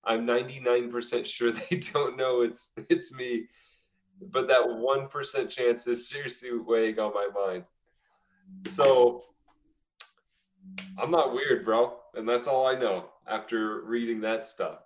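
A young man with a mid-range, steady voice co-hosts a podcast, reading listener confessions aloud a little slowly. He's casual, frequently laughs as he reads, and leans on "dude." The recording is roomy and slightly dull.

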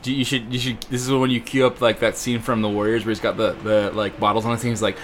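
A man's voice: lowish voice, flat delivery, quick pace, fairly bright tone, slight background noise. A man co-hosting a podcast, talking in casual, joking banter about his evening. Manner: joking, laid-back banter. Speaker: podcast co-host. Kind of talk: casual chat.

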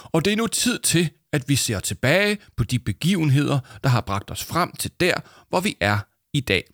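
A man's voice: on the high side, very animated, fairly bright tone, no room sound, clean studio sound, pitched above the performer's own voice, full character voice. A man reading a storybook aloud, voicing an awkward, earnest schoolboy who talks stiffly and formally. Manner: nervous, formal.

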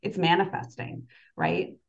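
A woman in her forties, a podcast guest, chats casually and reflectively in a low-pitched voice with big pitch swings, speaking a little slowly. The sound is lo-fi, and she often checks in with "right?" and "you know".

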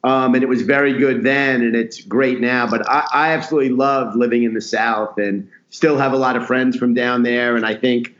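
An echoey, slightly dull recording of a middle-aged man. He speaks as an interview guest, in a casual storytelling way, at an ordinary male pitch. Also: fairly even intonation, normal speed, few pauses, fairly bright tone. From Queens, New York. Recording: dull, roomy, echoey audio.

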